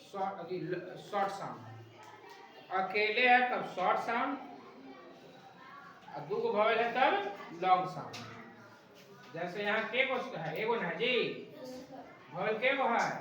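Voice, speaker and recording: A woman teaching an English class, quizzing her students with repeated questions and tag checks. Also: mid-range voice. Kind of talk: classroom lesson. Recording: echoey room recorded from far off.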